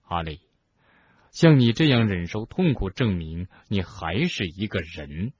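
Dumbledore, a soft-spoken old headmaster voiced by a man. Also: animated, breathy edge, no room sound, muffled recording, full character voice. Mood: gentle. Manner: soft, low, slow and soothing. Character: old male headmaster, calm and gentle.

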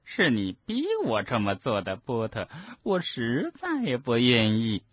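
A man voicing a cruel middle-aged witch official in an audiobook, speaking slowly, softly and with menace in a husky voice. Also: medium pitch, wildly swooping pitch, dry recording, lo-fi sound, pitched above the performer's own voice, heavily acted. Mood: menacing. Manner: slow, soft and menacing. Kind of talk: audiobook character reading.

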